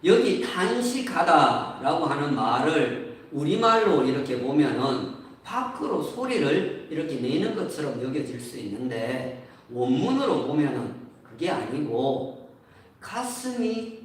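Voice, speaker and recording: A Korean man preaching a Sunday sermon as pastor, explaining a scripture passage slowly. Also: a little high, sing-song. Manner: explains slowly, sings briefly. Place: church sanctuary. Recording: echoey church hall from far off.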